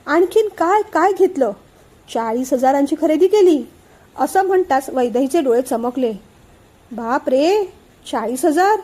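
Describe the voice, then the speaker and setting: A woman's voice: high voice, dark tone. A woman reading a family novel aloud as scripted narration, voicing each character's lines herself. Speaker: story narrator.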